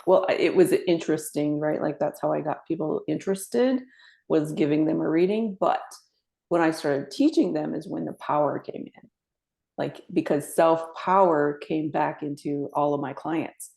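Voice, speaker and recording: A woman's voice: low-pitched, normal speed, gravelly, darkish tone. A woman co-hosting a podcast, a former medium, speaking earnestly in casual conversation and often restarting her sentences. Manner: earnest, with frequent fillers and restarts.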